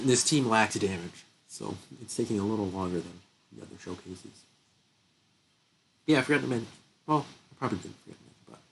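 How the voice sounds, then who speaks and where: A young man hosting a gaming channel talks through his gameplay with a lowish voice and vocal fry, laughing a lot and musing aloud in a casual way. His nose is stuffy, as if he's getting sick. It's a rough recording with a little hiss or hum.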